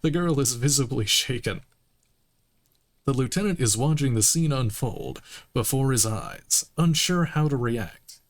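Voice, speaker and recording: A man's voice: medium pitch, animated, measured pace. A man streaming a game playthrough, reading the dialogue aloud in a playful, laughing, mock-indignant way.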